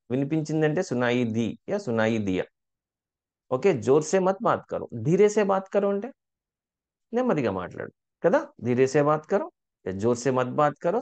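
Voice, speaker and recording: A man teaching a language lesson, asking learners questions and saying phrases slowly for them to repeat. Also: mid-range voice, darkish tone. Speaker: spoken Hindi teacher. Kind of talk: language lesson, drilling example sentences.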